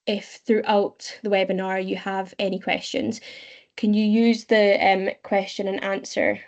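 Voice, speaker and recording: A Scottish woman in her twenties presenting an online webinar, explaining steadily with frequent pauses. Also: mid-range voice, little pitch movement, darkish tone, dull audio. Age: 20s. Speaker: webinar presenter, young leader. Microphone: video call.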